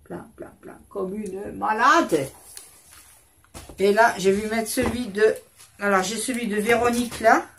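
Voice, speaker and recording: A woman's voice: medium pitch, steady tone, unhurried, long pauses, a bit bright, a little hiss or hum. A woman in her fifties, rambling and chatty, hosting a casual chat at her desk at home while showing crafts. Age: 50s. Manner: rambling, chatty, self-interrupting. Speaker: craft channel host.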